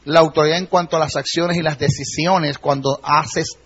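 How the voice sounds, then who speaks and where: A man's voice: a little high, steady tone, normal speed, fairly bright tone, slight background noise. Emphatic man teaching a church class. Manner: emphatic, often checks in with listeners. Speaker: Bible teacher. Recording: dull lo-fi recording.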